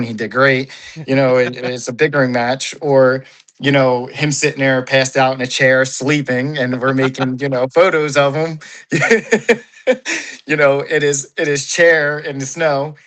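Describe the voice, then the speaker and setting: A man in a casual sit-down interview, talking at an average pitch. He rambles and leans hard on "you know" and "like," dropping the odd swear word along the way. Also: fairly bright tone, poor audio. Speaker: paintball player, interview guest.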